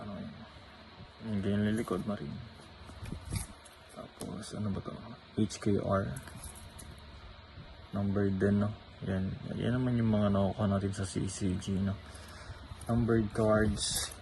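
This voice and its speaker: Chatting casually, a man displays his trading card collection and often checks in with his viewers by adding "no?" to sentences. His fairly low voice shows little pitch movement and runs a little slow. Background noise comes through clearly.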